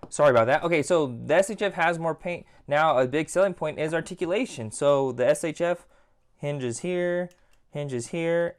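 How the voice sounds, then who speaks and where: Chatty guy reviewing toys. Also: fairly high pitch. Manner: chatty, rambling, repeats "again" and "like". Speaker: toy reviewer. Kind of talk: casual product review.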